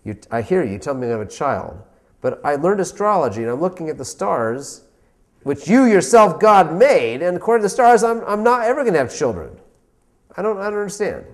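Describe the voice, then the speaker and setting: A man playing Abraham, an old man confused and pleading with God in a retold story, his voice climbing higher as he presses his question. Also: lively intonation, quick pace, hardly any pauses, lightly acted. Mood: exasperated. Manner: pleading, exasperated, rising.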